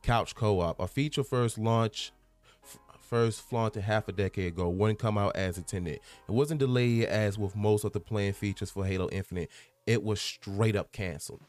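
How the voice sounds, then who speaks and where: Rambling low-voiced man hosting a podcast. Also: normal speed, darkish tone, soft background music. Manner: rambling and self-interrupting, stumbles over words. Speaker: podcast host. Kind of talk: casual gaming podcast talk, reading out a news article.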